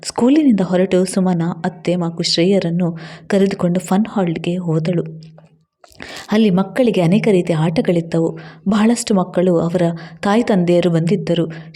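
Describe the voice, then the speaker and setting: A woman storyteller reading a scripted tale in an even, measured way. Her voice is dark and mellow throughout. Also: fairly low pitch.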